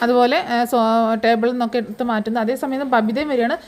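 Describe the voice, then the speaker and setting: Woman recapping a TV serial episode, chatty and brisk, high voice. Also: fairly even intonation, a little mellow. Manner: chatty, tags quotes with colloquial asides. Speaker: serial review narrator. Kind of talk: casual retelling of a TV serial episode.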